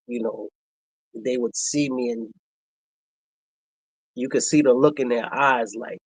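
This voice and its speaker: A man, telling a personal story in a reflective, halting way, with many pauses and fillers. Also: mid-range voice, slightly rough, dry recording, rough recording. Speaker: vlogger.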